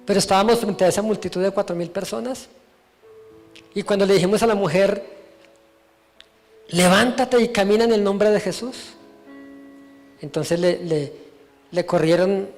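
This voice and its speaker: A male pastor preaching and telling a testimony to a church, storytelling with feeling and falling to a hush at moving moments. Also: high-pitched, steady tone, a little fast, faint music behind. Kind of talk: testimony sermon.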